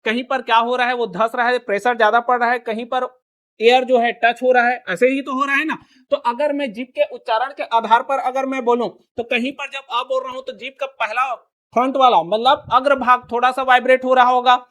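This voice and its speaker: A man's voice: very high voice, little pitch movement, brisk, a bit bright. A male teacher giving a classroom grammar lesson, asking his students question after question and repeating each answer back to them.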